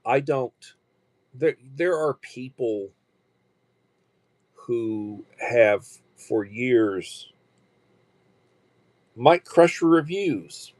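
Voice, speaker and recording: A man in his sixties runs a laid-back livestream in a mid-range, slightly mellow voice with no echo. He's animated but halting, rambling along with frequent restarts and fillers.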